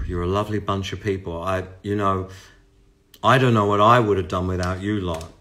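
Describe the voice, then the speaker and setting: A man's voice: deep voice, fairly even intonation, normal speed. An Australian man in his sixties, a musician chatting casually to his livestream viewers from his home, rambling and affectionate, talking close into a phone. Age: 60s. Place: home room lit with party lights. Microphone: phone camera close up. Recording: guitar music heard loudly behind.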